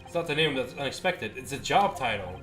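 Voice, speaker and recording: A streamer livestreams a visual novel, reading its dialogue aloud theatrically and acting out the characters. His mid-range voice is expressive and fairly quick, heard over music.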